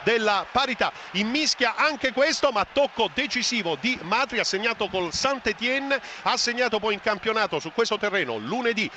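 A man giving excited live football match commentary. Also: high-pitched, normal speed, hardly any pauses, slight background noise. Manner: excited delivery, rising at goals.

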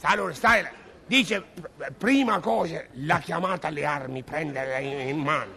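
Stammering dim-witted fool, gravelly and high. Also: male voice, bright, forceful tone, slight background noise. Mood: earnest, muddled. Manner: stammering, halting, garbling words. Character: muddled, dim-witted man proudly botching every word. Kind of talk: comic double-act sketch.

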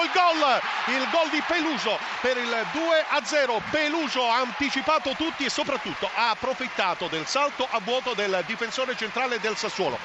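A man provides emphatic, detailed live football commentary in a high voice. The broadcast sound is dull, and a very loud crowd roars behind him. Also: very noisy.

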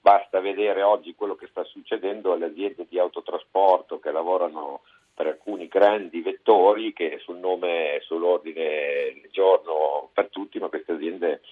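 A deep, husky male voice heard down a landline phone, thin and narrow like a call patched into a radio broadcast. He explains things steadily as an association president, pausing on fillers as he goes. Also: steady tone. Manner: measured, explanatory, with hesitant fillers. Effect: heard over a landline phone.

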